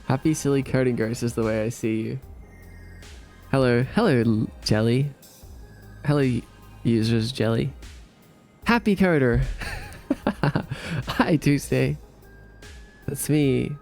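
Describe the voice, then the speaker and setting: Gravelly-voiced streamer. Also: male voice, medium pitch, takes it slowly, pauses often, a little mellow, soft background music. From Australia. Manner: playful, laughing, teasing chat. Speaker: livestreamer. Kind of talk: casual chat reading viewer comments.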